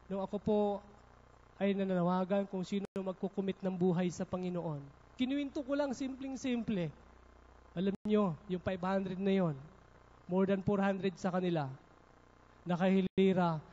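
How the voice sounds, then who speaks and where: High-voiced male pastor, dull livestream sound. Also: a little mellow. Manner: conversational preaching with frequent asides to the congregation. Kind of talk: sermon with personal stories. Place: church service.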